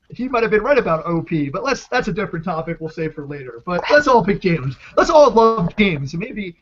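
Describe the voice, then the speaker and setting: A man on a podcast, chatting casually in an excitable, profane way and repeating himself when worked up. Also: high voice. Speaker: podcast co-host. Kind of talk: casual chat. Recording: dull lo-fi call audio with faint hiss.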